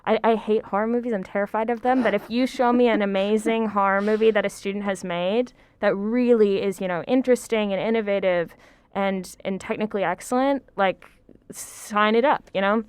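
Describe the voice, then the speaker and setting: A woman's voice: mid-range voice, a little fast, smooth, no room sound. A woman lecturer talking film on a podcast, thoughtful and hedging, with frequent ums and likes. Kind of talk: casual podcast discussion.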